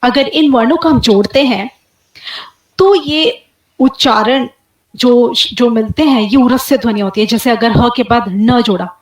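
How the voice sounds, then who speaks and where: A woman giving a webinar lecture, demonstrating sounds aloud slowly and clearly. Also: on the high side, roomy sound, rough recording. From India. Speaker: guest lecturer.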